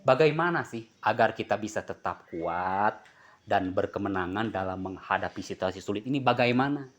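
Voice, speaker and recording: This sermon comes from a man whose voice runs lowish, at a normal speed. He keeps things animated, joking and questioning the congregation as they reply.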